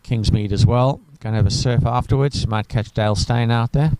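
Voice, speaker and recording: A man's voice: mid-range voice, steady tone, brisk, darkish tone, clean tone, dry recording, rough recording. A man from Africa, giving chatty live cricket commentary full of enthusiastic asides. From South Africa.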